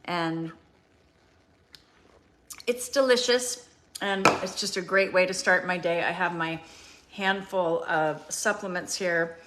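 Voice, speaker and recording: Chatty woman in her fifties, lower voice. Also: slow pace, pauses often, very noisy. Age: 50s. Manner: chatty, with frequent ums. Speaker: beauty show host. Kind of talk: casual product demonstration.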